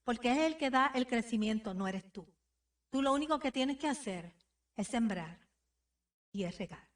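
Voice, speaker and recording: High-voiced woman preaching a sermon. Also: lively intonation, normal speed. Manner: exhorting, addresses the congregation directly with repeated phrases. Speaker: pastor. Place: church sanctuary. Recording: voice somewhat distant from the mic.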